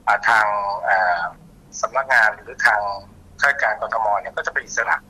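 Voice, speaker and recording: A man's voice: on the low side, moderate pace, background noise. A man calling in as a community organization chairman, explaining at length with fillers, over a phone line. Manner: explanatory, many fillers and restarts. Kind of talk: explaining on a call-in interview.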